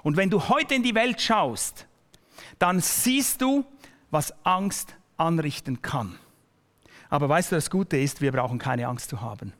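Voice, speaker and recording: A male pastor delivering a sermon to his congregation, speaking directly and personally to the listener, often slowing down and dropping almost to a whisper for emphasis. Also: on the high side, animated, a bit bright, big-room sound.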